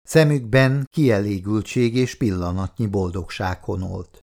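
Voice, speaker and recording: Low-voiced man reading a novel aloud, calm and even. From Hungary. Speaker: audiobook narrator. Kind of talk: scripted narration.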